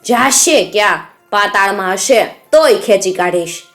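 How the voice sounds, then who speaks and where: A woman voicing a proud, impatient male king on a hunt, shouting loud commands in a storytelling. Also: mid-range voice, animated, a little slow, faint music behind. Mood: frustrated.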